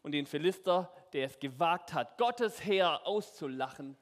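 A man's voice: fairly high pitch, expressive, unhurried. A man voicing a defiant, confident young shepherd boy. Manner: boastful, determined. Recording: echoey hall.

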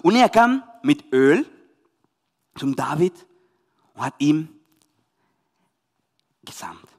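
A man from Chile with a Spanish accent, a youth pastor telling a Bible story to children and parents in lively, emphatic German. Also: fairly high pitch, takes it slowly, in a large hall.

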